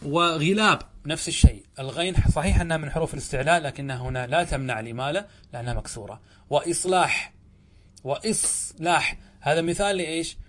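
A man's voice: fairly high pitch, very fast, few pauses, fairly bright tone. A man, a sheikh, teaching Arabic grammar in a lecture, asking questions and answering them himself, often correcting himself mid-sentence.

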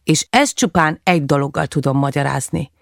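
Brief: cool dismissive lawyer, read by a woman, measured and argumentative, gravelly edge. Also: sits low, expressive, no echo, clean studio sound.

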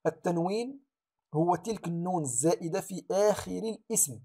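A man teaching the rules of Quran recitation to students. He sounds out each example slowly and then contrasts it with the wrong reading. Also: high-pitched, animated, dark tone, slightly rough. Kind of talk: explaining tajweed rules to students.

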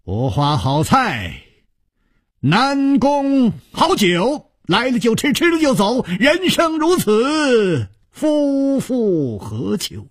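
A man voicing a witty, carefree young male hero who speaks in a bright, laughing, sing-song way. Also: extremely high pitch, huge pitch swings, extremely slow, husky, no echo, studio quality, pitched above the performer's own voice, exaggerated voice. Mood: merry.

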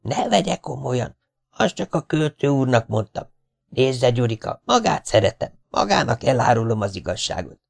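A man's voice: medium pitch, very animated, creaky, pitched above the performer's own voice. A man voicing a sly, grey-haired old racetrack tipster who talks in a confiding, wheedling way. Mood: conspiratorial.

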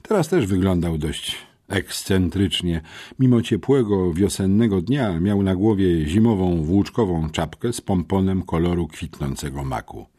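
A man narrating an audiobook for young readers in a lively, expressive storytelling manner. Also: low voice, a little slow. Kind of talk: scripted narration.

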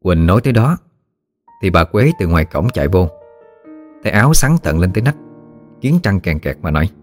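A man narrating an audiobook story in a steady, descriptive way. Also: deep voice, brisk, soft background music.

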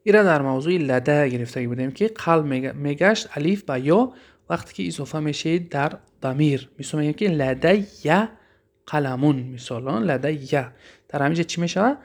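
A man with a Tajik accent teaching grammar in a classroom lesson, reading phrases slowly and then explaining them quickly with questions to his listeners. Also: on the high side, expressive. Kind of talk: classroom lesson explaining Arabic text in Persian.

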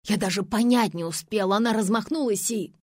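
A woman's voice: medium pitch, moderate pace, a little mellow, dry recording, studio quality, pitched above the performer's own voice, close to an everyday voice. A woman reading aloud, voicing a frightened young man who pleads and defends himself. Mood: pleading.

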